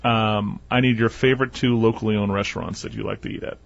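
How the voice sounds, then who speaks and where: A man's voice: fairly low pitch, steady tone, fast talker, creaky. A man hosting a morning radio talk show, upbeat and promotional as he plugs a guest's book. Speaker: radio host. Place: radio studio. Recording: dry, dull radio studio audio.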